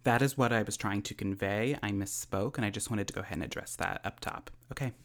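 Man with a low gravelly voice, earnest and apologetic. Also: fast, a bit bright. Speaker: podcast host, correction. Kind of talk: recorded correction.

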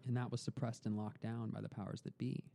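Gravelly, low-voiced young man telling his story. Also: level tone, fast talker, warm tone, a little hiss or hum. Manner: earnest, reflective, repeats words as he thinks. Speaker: podcast guest. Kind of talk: storytelling in a casual interview.

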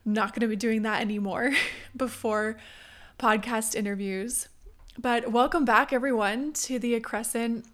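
A woman podcast host with a gravelly, strained voice, chatting casually and earnestly to her listeners. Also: fairly high pitch, steady tone, normal speed, fairly bright tone, a little hiss or hum. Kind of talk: casual solo podcast introduction.

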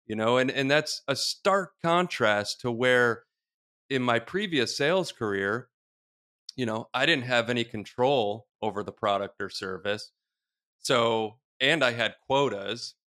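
A man's voice: mid-range voice, unhurried, sharp tone. A man hosting a podcast, a small business owner speaking in a direct, plain-spoken way. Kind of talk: casual interview chat.

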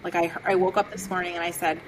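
A woman hosting a podcast, talking casually and warmly in a chatty way full of fillers. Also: lowish voice, flat delivery, fast talker, noisy background. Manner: chatty, peppered with "like". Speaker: podcast host.

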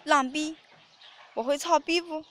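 A woman voicing a coarse, domineering man in an audio story, barking orders loudly in a slightly lowered voice. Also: steady tone, a little slow, a little hiss or hum.

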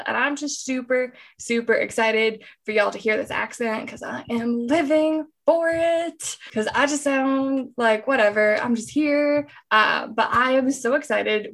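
A woman with an American accent hosting a podcast, chatting in a bubbly, enthusiastic way over a remote call. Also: on the high side. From United States. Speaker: podcast host. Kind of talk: casual podcast chat.

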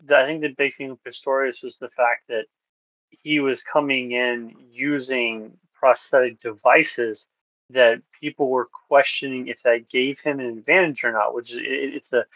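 A man's voice: mid-range voice, steady tone, moderate pace, a bit bright, no echo. Rambling man on a podcast, dull sound. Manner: rambling, many fillers and restarts. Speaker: podcast co-host. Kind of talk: casual chat.

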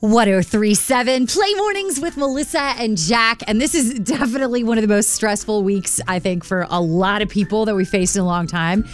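A woman's voice: mid-range voice, fairly quick, few pauses, soft background music. A woman co-hosting a morning radio show in a casual, conversational style.

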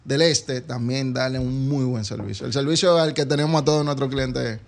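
Dominican man with a gravelly, creaky voice. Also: mid-range voice, fairly even intonation, moderate pace. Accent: Dominican Spanish. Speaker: interview guest, advertising company businessman. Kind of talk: conversational interview.

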